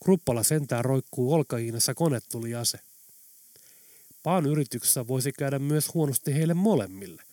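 A man narrating an audiobook in a steady, even reading manner. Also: medium pitch, no echo, studio quality. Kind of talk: scripted narration.

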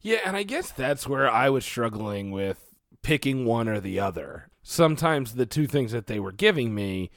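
Chill guy co-hosting a podcast, mid voice, dry close mic, kinda halting. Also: medium pitch, big pitch swings, creaky, a bit bright, no echo. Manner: laid-back, self-deprecating, halting. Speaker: podcast co-host. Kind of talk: casual podcast chat.

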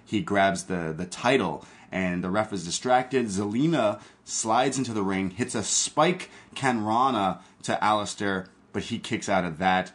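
A man's voice: on the low side, unhurried, few pauses, a bit bright. A man hosting a casual wrestling recap, retelling matches move by move as an enthusiastic fan commentator. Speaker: podcast host recapping wrestling.

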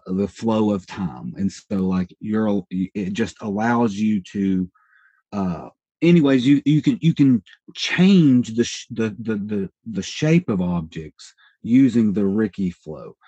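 Low, husky man thinking out loud. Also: dry recording, lo-fi sound. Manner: rambling, thinks aloud, hedges and self-corrects. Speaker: podcast guest, independent researcher. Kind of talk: casual explanatory interview talk.

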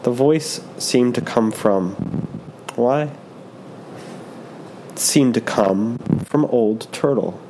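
A man slowly reading a picture book aloud in a gentle, unhurried way. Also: mid-range voice, noisy background. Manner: gentle, unhurried, soft delivery. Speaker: storyteller.

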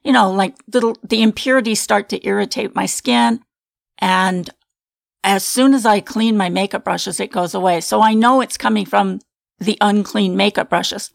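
A middle-aged woman hosts a live-stream Q&A as a skincare professional, explaining things calmly and answering viewers' questions. Her mid-pitched voice has a gravelly edge of fry, and the sound is dry and close with no room echo. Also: normal speed.

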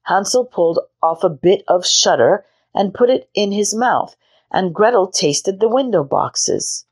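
A woman hosting a story show, reading a children's fairy tale aloud in a gentle, measured way. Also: medium pitch, animated, slightly rough. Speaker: storyteller host.

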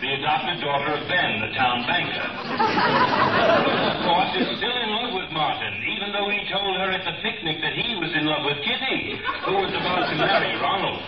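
An actor playing a melodramatic soap-opera announcer, heard from a radio playing in the room with slow, dramatic delivery. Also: male voice, sits high, sing-song, over a noisy crowd. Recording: distant, roomy, lo-fi radio sound with music.

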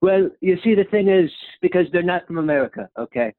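A young man does a comedic impression of a boastful male president, rambling, praising himself and closing line after line with "okay?" in a dropping pitch. His intonation is lively and his pace a little fast. There is no room sound, but the audio is tinny, like a phone.

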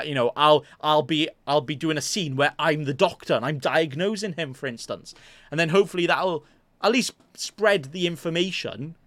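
A young man chats loosely on his podcast, his voice sitting a little high. He keeps mocking himself and restarting his sentences, recorded close and dry in a small room. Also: a bit bright, no room sound. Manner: self-mocking, jokey, rambling with restarts. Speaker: podcast host. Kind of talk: casual rambling chat. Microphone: desk mic in front of a green screen.

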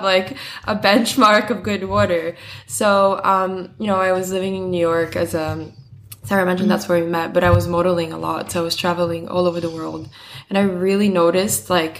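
This is a young woman sitting in as a guest, talking casually and piling on "like" as she goes. Her voice sits a touch lower than most women's. A faint hum of background ambience runs underneath. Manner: chatty, heavy use of "like" fillers. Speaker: guest, company co-founder. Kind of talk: casual interview chat.

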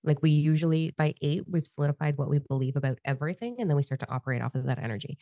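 Woman podcast host, low voice, gravelly, mellow tone, dry close sound, enthusiastic and nurturing. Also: no echo, dull audio. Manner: enthusiastic, nurturing, quick asides. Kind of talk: casual podcast chat.

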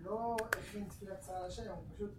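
A woman's voice: medium pitch, steady tone, slight background noise, poor audio. A woman in the audience of a lesson, putting forward a tentative question and thinking aloud as she speaks. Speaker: audience member.

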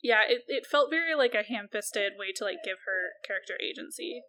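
A woman's voice: fairly high pitch, animated, brisk, bright, forceful tone. A woman co-hosting a casual podcast chat about a film, chatty and swearing freely, with lots of "like". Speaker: podcast co-host.

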